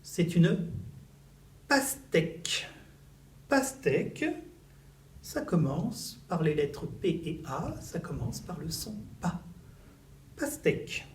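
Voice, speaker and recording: A man teaching a recorded reading lesson to young children in a classroom, slow and animated, stretching his syllables. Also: on the high side, recorded from a distance. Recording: echoey room, voice a little off-mic, faint background noise.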